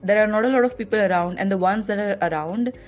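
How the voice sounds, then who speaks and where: Hosting a podcast over faint background music, a young Indian woman shares personal stories casually, chatting quickly and leaning heavily on "like." Her Indian English-accented voice is mid-range and a little mellow.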